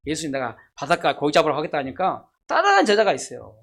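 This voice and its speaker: A pastor delivers an emphatic sermon, firing rhetorical questions at the congregation. The voice rises to loud emphasis, then drops to soft, low asides. Scripture quotes are read slowly and deliberately. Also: huge pitch swings. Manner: reads scripture quotations slowly.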